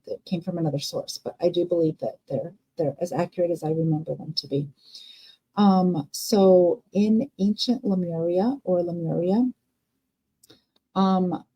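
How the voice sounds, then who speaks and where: A woman hosting a livestream, sharing her thoughts with viewers in a casual, unscripted way, halting and tentative as she goes. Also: on the low side, mellow, rough recording. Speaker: livestream host.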